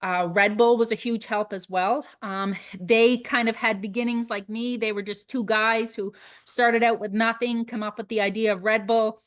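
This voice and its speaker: A woman's voice: on the high side, fairly even intonation, normal speed, a bit bright. A woman from Nova Scotia, a family travel blogger, telling stories in a casual interview over a video call. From Nova Scotia, Canada. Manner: chatty, enthusiastic storyteller.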